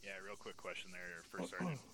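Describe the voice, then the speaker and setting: A man's voice: deep voice, sing-song, a little fast, gravelly, pushed and bright, no echo. A man asking questions as a military trainee in an online game, in a casual but dutiful way.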